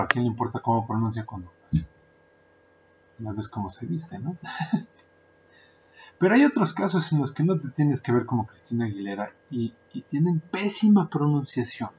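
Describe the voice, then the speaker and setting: Joking Mexican podcast host. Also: male voice, mid-range voice, a little mellow, slight background noise. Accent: Mexican Spanish. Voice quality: joking, chatty, frequent filler words. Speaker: podcast host, translator and interpreter. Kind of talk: casual podcast monologue. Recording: dull lo-fi sound.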